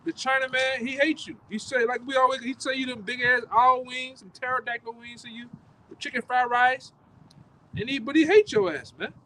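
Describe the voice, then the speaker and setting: Man, street preacher, very high voice, forceful and repetitive, faint street noise. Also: a little fast, low-quality recording. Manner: forceful, repetitive, profane, ends phrases with "man". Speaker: street preacher leading the camp.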